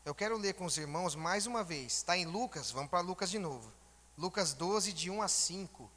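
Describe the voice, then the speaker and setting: Bright-voiced man preaching in a church hall. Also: high-pitched, animated, moderate pace. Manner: informal, asks the congregation rhetorical questions. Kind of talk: conversational sermon.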